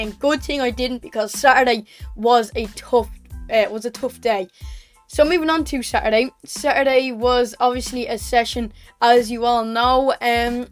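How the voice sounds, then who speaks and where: A young Irish woman talks casually to her viewers in a fairly high voice. She is chatty and matter-of-fact, recapping like a vlogger and correcting herself as she goes. Faint music plays behind her. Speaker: running vlogger. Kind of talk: casual training recap to camera.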